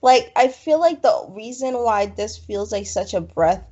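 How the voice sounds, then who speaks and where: A woman's voice: a little high, animated, a little slow, mellow, dull audio. A woman in a casual TV recap chat, ranting in an exasperated way and saying "like" constantly. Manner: exasperated ranting, heavy use of "like".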